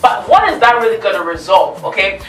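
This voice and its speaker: A woman's voice: mid-range voice, sing-song, fairly quick, fairly bright tone, roomy sound, recorded from a distance, faint music behind, poor audio. A woman hosting a talk show, arguing her point emphatically in casual debate. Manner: argumentative, pushes back emphatically.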